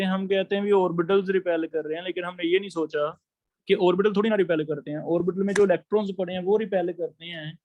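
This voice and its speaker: High-voiced male chemistry teacher. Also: a little mellow, a little hiss or hum. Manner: explains step by step, asks students questions. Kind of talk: classroom lecture.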